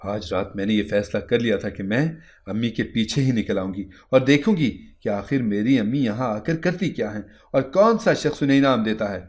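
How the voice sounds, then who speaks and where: A man reading a first-person moral story in a steady, earnest narration. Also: on the low side, few pauses.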